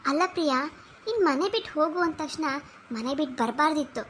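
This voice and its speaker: A young cartoon wife with a very high voice. She talks in a firm, encouraging way, like a caring elder sister. A faint hiss sits behind her. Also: quick pace, a bit bright.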